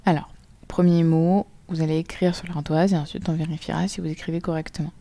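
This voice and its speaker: A woman with a French accent teaching a recorded phonics lesson to children, spelling sounds out slowly and clearly letter by letter. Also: sits low, flat delivery, mellow, no echo.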